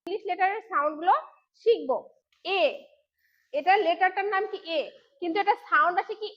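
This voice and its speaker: A woman's voice: very high-pitched, brisk. A woman teaching phonics to young children, sounding out each letter sound and asking questions. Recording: dull lo-fi sound.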